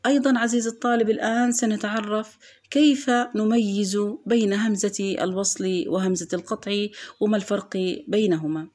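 Woman teacher doing a kids grammar lesson, patient, says each example word slow and clear. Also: medium pitch, darkish tone. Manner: patient, explains step by step, repeats example words slowly. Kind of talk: recorded grammar lesson for children.

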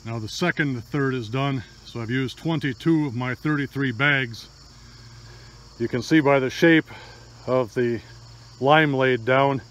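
An older Michigan man with a medium-pitched voice narrates a DIY hunting vlog. He walks a rural field holding a phone camera, explaining things in a plain, practical, matter-of-fact way. Crickets and insects chirp in the background.

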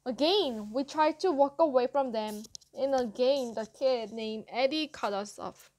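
A woman narrating a novel in the first person as an audiobook reader, with measured storytelling. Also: high-pitched, a little mellow.

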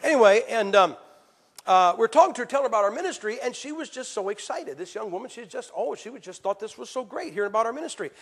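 A man preaching a sermon, telling stories with acted quotes and swinging from loud to hushed. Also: extremely high pitch, expressive, quick pace. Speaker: evangelist preacher. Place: church. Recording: hall reverb.

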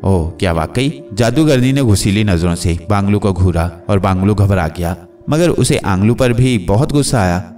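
Give me a low-voiced male storyteller, a bit distant, with faint music. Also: lively intonation, moderate pace, mellow, a little hiss or hum. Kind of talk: comic story narration.

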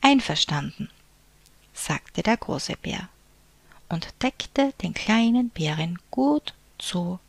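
A woman reading a picture book aloud to children in a soft, unvoiced whisper, as a whispered storybook reading. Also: fairly low pitch, lively intonation, slow pace, vocal fry, no echo.

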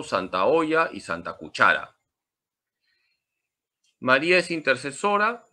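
Lively bright-voiced priest. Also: male voice, mid-range voice. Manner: emphatic, lively teaching with humor. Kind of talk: Marian catechesis talk.

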